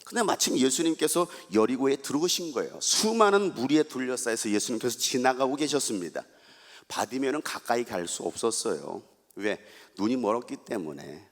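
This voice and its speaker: A man's voice: medium pitch, animated, a little fast. A male pastor giving a dramatic revival sermon who calls out to the congregation and acts out a blind man's cries. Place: large church hall. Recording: long church hall reverb.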